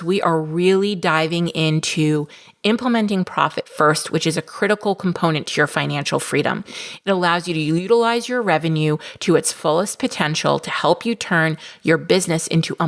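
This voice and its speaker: A woman's voice: deep voice, vocal fry. Chatty, encouraging woman podcast host. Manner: chatty and encouraging, with fillers like "right?" and "like". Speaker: podcast host and business coach. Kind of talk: casual solo podcast monologue.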